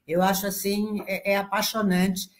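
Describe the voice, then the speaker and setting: A woman's voice: medium pitch, little pitch movement, moderate pace. A woman joining a live online talk as an audience participant, speaking enthusiastically over a video call microphone. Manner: enthusiastic and admiring.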